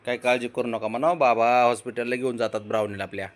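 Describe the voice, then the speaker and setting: A man's voice: medium pitch, fairly even intonation, fast. A man filming his pets, coaxing and questioning his cat in a sing-song baby-talk voice. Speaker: pet owner filming his cats. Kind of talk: casual pet vlog.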